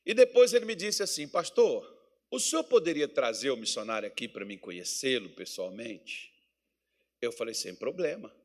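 A man's voice: mid-range voice, very animated, moderate pace. A male pastor from Minas Gerais preaching a sermon, mixing folksy joking asides with emphatic, rising preaching. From Minas Gerais, Brazil. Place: church meeting hall.

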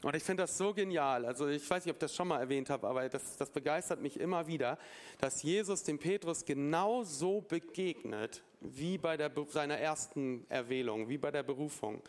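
Man preaching as a lively storyteller. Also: fairly high pitch, normal speed. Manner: lively storytelling, acts out dialogue, informal asides. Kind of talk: sermon with Bible reading.

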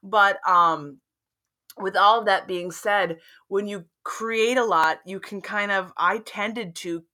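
A woman co-hosting a podcast, telling stories in a rambling, animated casual chat. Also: medium pitch, takes it slowly. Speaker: podcast co-host.

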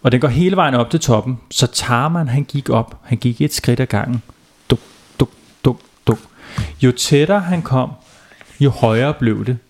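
Playful dad telling a bedtime story. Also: male voice, mid-range voice. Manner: playful, asks the children questions. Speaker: father telling bedtime stories. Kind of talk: children's bedtime story narration.

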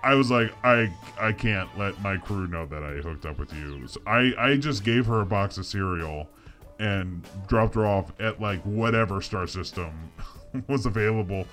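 A man playing a boastful, drunken alien starship captain, rambling and halting in improvised comedy. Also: lowish voice, fairly bright tone, soft background music, close to an everyday voice. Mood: rambling confession. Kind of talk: improvised comedy role-play.

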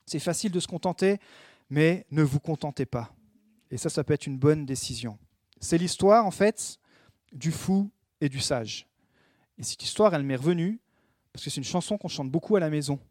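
A man preaches with earnest urgency, pressing his congregation with short repeated phrases. His voice sits a bit higher than most men's. The recording is dry and close, with little room sound. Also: moderate pace, darkish tone, no room sound. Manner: earnest, exhorting, addresses listeners directly with repeated phrases. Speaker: pastor. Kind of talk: sermon.

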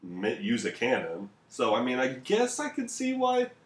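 A man's voice: mid-range voice, wildly swooping pitch, moderate pace. A man co-hosting a casual history podcast, rambling and profane, with laughing asides, recorded at home. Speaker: podcast co-host. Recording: echoey home room.

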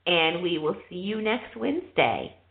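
A woman's voice: lowish voice, big pitch swings, unhurried, vocal fry. A woman hosting a call-in radio show, chatting casually in an informal, reassuring way. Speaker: radio show host taking callers. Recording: tinny phone-line sound.

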